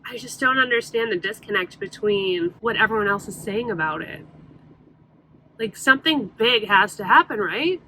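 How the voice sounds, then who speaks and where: A woman's voice: medium pitch, animated, normal speed, sharp tone, a little hiss or hum. A woman talking frankly about books in a casual vlog, often exasperated and swearing freely. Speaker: book vlogger. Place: in a truck on a hot day.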